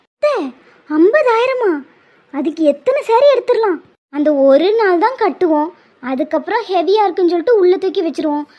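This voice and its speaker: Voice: extremely high pitch, expressive, fairly quick, darkish tone. A woman voicing a practical, thrifty young bride in a Tamil cartoon. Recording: muffled lo-fi audio.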